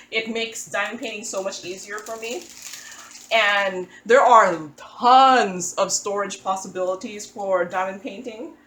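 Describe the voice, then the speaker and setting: A woman from the Philippines runs a crafting channel and chats casually over her work at a table indoors, explaining her setup with self-deprecating remarks and little restarts. Medium in pitch and fairly bright, her voice comes through a roomy, rough recording with slight background noise.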